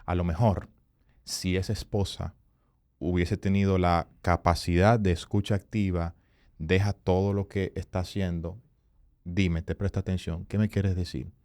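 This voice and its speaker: A man, a communication consultant, telling earnest stories as a podcast guest, emphatic and rising in pitch when he quotes people. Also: level tone, measured pace, darkish tone, no echo, studio quality. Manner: earnest, emphatic storyteller who rises in pitch for quoted voices. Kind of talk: storytelling in a podcast interview.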